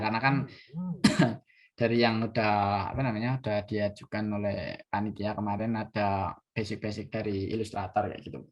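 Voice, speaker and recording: Hesitant young man. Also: on the low side. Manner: hesitant, many fillers and restarts, coughs at times. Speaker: workshop speaker. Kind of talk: casual online class talk.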